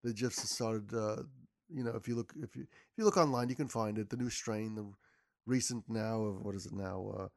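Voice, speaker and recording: A man's voice: lowish voice, moderate pace, darkish tone. A man as a podcast guest, talking casually and rambling with lots of restarts. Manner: rambling, many repeated starts. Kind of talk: casual conversation.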